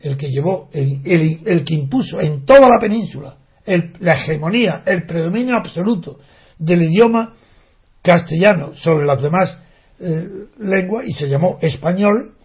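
A man's voice: sits high, lively intonation, normal speed. An older man in an opinionated spoken monologue, talking indignantly with rhetorical questions and frequent restarts. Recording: dull lo-fi recording.

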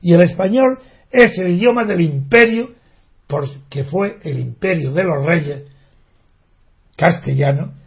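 Older man, high-pitched, holding forth indignantly in a monologue, lots of rhetorical questions and restarts, dull lo-fi sound. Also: lively intonation, a little slow, creaky, pauses often. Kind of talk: opinionated spoken monologue. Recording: dull lo-fi recording.

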